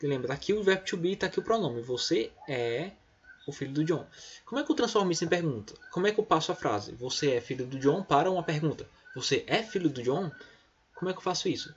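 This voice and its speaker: A man with a Brazilian Portuguese accent walks his pupils through English grammar patiently and step by step. His voice is a little husky. The recording sounds dull and lo-fi, as if made on a computer mic. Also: a little high, very animated, quick pace. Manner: patient, explains step by step, often adds "tá?" and "né?". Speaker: English teacher. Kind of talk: recorded remote lesson.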